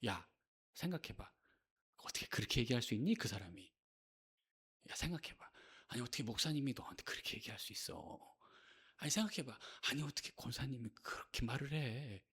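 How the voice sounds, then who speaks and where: A man voicing a sly male devil who whispers to a listener, coaxing and needling in a hushed tone. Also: medium pitch, animated, brisk, long pauses, husky, pitched below the performer's own voice.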